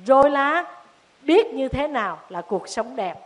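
A cold, commanding rich woman from the city in a told storybook tale, voiced by a woman. She talks in clipped, bossy orders, her voice fairly high and pressing. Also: lively intonation, measured pace. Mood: cold explaining. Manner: bossy, curt.

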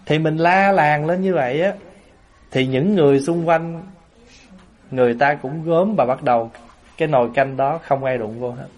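Buddhist monk, fairly high-pitched male voice, lively storytelling sermon. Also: moderate pace. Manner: lively storyteller, acts out everyday scenes with laughter. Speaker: Buddhist monk giving a Dharma talk. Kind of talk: sermon to a lay assembly.

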